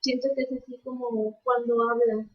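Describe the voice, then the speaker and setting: A woman's voice: on the high side, level tone, normal speed, husky. A woman student answering the teacher's question in class, tentative and hesitant. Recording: dull, lo-fi recording.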